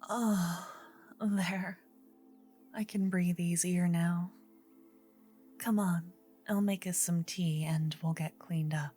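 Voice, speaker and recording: A woman playing a gentle, earnest druid in an ASMR role-play, her soft female voice slipping between breathy soft voice and low murmur. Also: fairly even intonation. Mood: relieved, warm. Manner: slow, gentle, intimate female voice with pauses. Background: soft medieval ambience and music.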